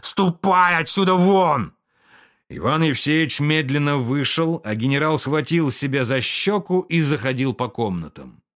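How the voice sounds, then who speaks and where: A man reading a story aloud with a lively, dramatic delivery. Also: mid-range voice, normal speed. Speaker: narrator.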